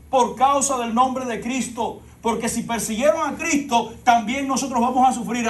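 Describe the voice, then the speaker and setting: A male pastor preaching a sermon, swinging from loud emphasis to hushed, slow passages. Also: very high-pitched, distant mic. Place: church. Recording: roomy church echo.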